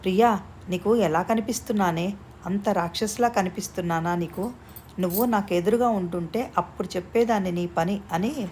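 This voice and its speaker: A woman's voice: mid-range voice, moderate pace, a little mellow, slight background noise, lightly acted. A woman reading the lines of a flustered young bride who scolds and teases her friend. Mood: rueful. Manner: teasing, scolding.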